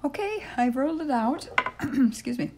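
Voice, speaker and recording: An older woman with a raspy voice hosts a casual polymer clay tutorial from her home craft room, chatting and thinking aloud with lots of ums while she works. Her voice sits high with lively intonation at normal speed. A stationary camera mic picks up background noise.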